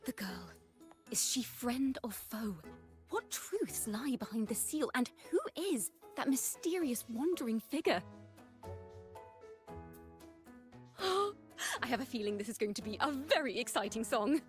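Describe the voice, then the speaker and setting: A woman playing an eager, excitable young female companion in a video game, with expressive storytelling delivery. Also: on the high side, normal speed, soft background music. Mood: dramatic, excited. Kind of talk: scripted video game dialogue.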